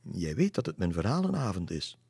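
A man's voice: low-pitched, very animated, a little fast, gravelly, mellow, slightly rough, dry recording, clean studio sound, heavily acted. A man voicing a curious young schoolgirl.

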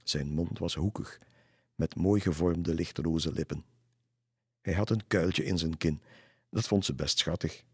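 Male storyteller, very low voice, husky, dry close recording. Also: measured pace, long pauses, no echo. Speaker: narrator. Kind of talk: storybook narration.

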